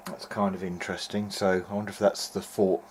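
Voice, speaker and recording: A hobbyist radio restorer and presenter talks casually through repair work in a lowish voice, moving fairly quickly. His delivery is hesitant, like he's reasoning aloud. Noticeable, steady background noise sits clearly in the recording.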